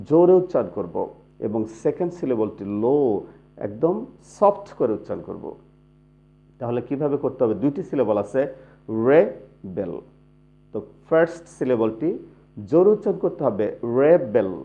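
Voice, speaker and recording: A man's voice: medium pitch, mellow. A man giving a spoken English grammar lesson, explaining step by step and repeating example words to show pronunciation. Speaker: English teacher. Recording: dull lo-fi sound.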